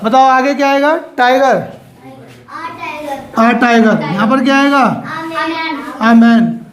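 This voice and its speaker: A woman's voice: fairly high pitch, a crowd in the background. A woman teacher, giving a grammar lesson to children in a classroom. She asks questions and answers them herself, stretching out key words. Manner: drawn out, slow words for emphasis.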